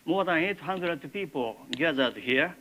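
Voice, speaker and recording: An older man with a Japanese accent gives a university lecture in halting English, with many filler pauses. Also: on the high side, animated, pushed and bright, a little hiss or hum, poor audio. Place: lecture classroom.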